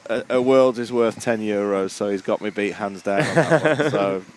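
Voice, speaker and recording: A man's voice: fairly low pitch, normal speed, slight background noise. A middle-aged man, a guest racer, talking casually in an easygoing, rambling way. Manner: easygoing, rambling with many fillers and restarts. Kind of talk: casual trackside chat.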